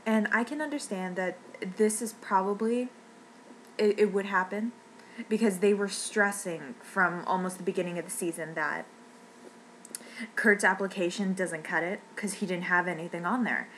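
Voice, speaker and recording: A woman's voice: mid-range voice, moderate pace, fairly bright tone, slight background noise, poor audio. A woman ranting in an upset, rambling way, near tears and often restarting her sentences. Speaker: fan vlogger. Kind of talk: emotional rant.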